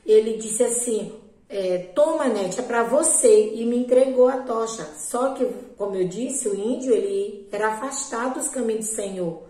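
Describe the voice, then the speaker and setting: A woman's voice: a little high, normal speed, warm tone, echoey room, low-quality recording. Earnest Brazilian woman giving testimony. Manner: earnest, repetitive, often asks "né?". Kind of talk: religious testimony to a group.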